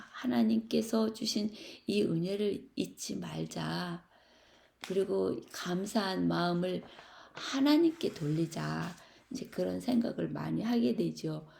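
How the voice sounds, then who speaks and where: A middle-aged woman from Korea gives a personal testimony at a Bible study, slow and unhurried. Her voice is mellow and slightly low, with a gravelly edge. She speaks reflectively and confessionally, with soft laughs and fillers.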